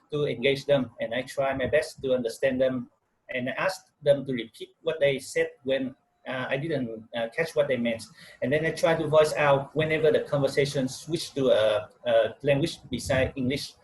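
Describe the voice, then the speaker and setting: A man's voice: mid-range voice, rough recording. Earnest man from Vietnam with hesitant delivery. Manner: earnest, hesitant with many uhs. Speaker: guest. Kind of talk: casual interview answers. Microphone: video call mic.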